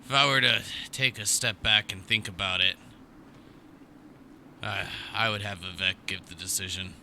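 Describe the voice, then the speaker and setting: A man's voice: fairly low pitch, steady tone, normal speed, vocal fry, bright, forceful tone, a little hiss or hum, full character voice. A man voicing a wry talking sword.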